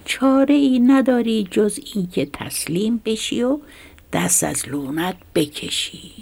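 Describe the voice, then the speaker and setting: A woman's voice: on the high side, animated, vocal fry, darkish tone, voice pushed up. A woman voicing an older, resigned big mouse giving advice in a whispered role-play for a storybook tale. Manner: resigned, advising.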